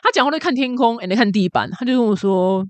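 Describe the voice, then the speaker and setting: A woman's voice: on the high side, animated, fast talker, no room sound. A young adult woman host, chatting casually with gossipy, emphatic asides.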